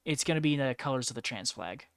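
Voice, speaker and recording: A woman's voice: a bass voice, lively intonation, quick pace, no room sound, studio quality. A woman streamer in casual chat while painting miniatures, chatty, laughing often and blunt, with plenty of swearing.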